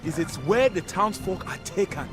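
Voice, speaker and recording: This man's high-pitched voice carries lively intonation at a moderate pace as he voices a grim, embittered city guard in a fantasy video game. His delivery is brooding, earnest and dramatic, with a grave, urgent mood. Game music plays behind him.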